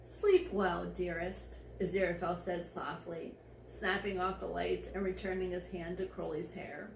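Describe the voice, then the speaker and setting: Drunk girl reading fanfic out loud, gushy and giggly, trips on words, echoey room w bit of noise. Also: lowish voice, flat delivery, moderate pace, creaky. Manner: giggly, effusive, stumbles over words. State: tipsy, slightly drunk. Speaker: fan fiction reader. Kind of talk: amateur story reading with gushing asides.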